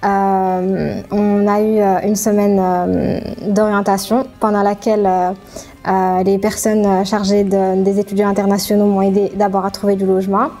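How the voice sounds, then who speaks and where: A young woman from Morocco, a student, speaking hesitantly with many filler pauses. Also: medium pitch, little pitch movement, warm tone, faint music behind. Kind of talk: student testimonial.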